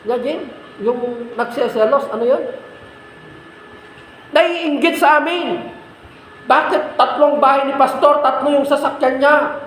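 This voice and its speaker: A man's voice: extremely high pitch, steady tone, normal speed, a bit bright, reverberant, low-quality recording. Male pastor, preaching, rhetorical questions, faint background noise. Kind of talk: sermon.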